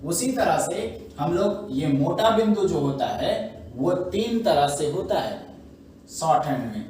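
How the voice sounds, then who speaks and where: A man's voice: fairly high pitch, animated, darkish tone. A man teaching a shorthand class, explaining step by step and often checking with his students. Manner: slow, repetitive teaching with frequent "है ना" and "ठीक है" checks. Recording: echoey room, mic at a distance, faint background noise.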